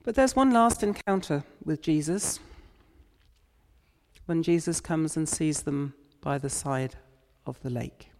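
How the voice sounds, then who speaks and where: A male preacher delivers a sermon in a slow, deliberate cadence, reflecting on scripture as he goes. His voice rings out with a long church reverb. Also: on the high side, a little mellow. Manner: unhurried, reflective retelling of scripture.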